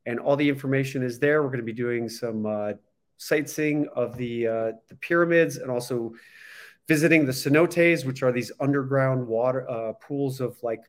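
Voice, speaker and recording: A man's voice: mid-range voice, normal speed. A man hosting a casual interview, friendly and hesitant, with many fillers. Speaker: interview host.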